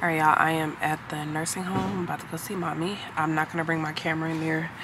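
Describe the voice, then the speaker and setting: A woman's voice: low voice, flat delivery, quick pace, loud music behind the voice. A woman in her thirties chatting casually to her viewers while driving, talking through her errands and day. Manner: chatty, talks to viewers as "y'all". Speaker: vlogger. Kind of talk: casual vlog chat. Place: in a car.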